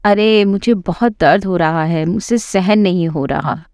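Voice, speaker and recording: A woman's voice: fairly low pitch, unhurried, darkish tone, no room sound, studio quality. A woman voicing a quarrelsome, scornful older mother-in-law who taunts and scolds. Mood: scolding.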